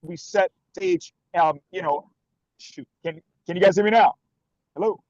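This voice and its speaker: A man's voice: high-pitched, highs cut off. Give me a man on a choppy, breaking-up call line. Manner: rapid, with frequent fillers and restarts. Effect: choppy call audio breaking up. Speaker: commissioner. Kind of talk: giving an update at a remote meeting. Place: moving through a tunnel.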